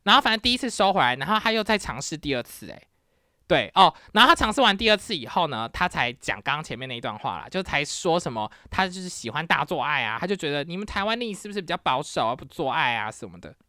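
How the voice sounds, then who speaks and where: A woman from Taiwan, hosting a podcast and telling her dating stories in a casual, animated, exclamatory way, with English words mixed in. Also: low-pitched, fast talker, no echo, studio quality. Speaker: podcast host. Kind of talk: casual storytelling.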